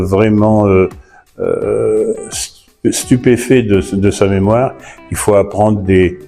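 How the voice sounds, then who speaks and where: A man in his seventies, a retired teacher, speaking slowly and hesitantly in an interview. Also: lowish voice. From northern France. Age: 70s. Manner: slow, hesitant, many fillers. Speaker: retired teacher and patois performer. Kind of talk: interview testimony. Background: soft guitar music.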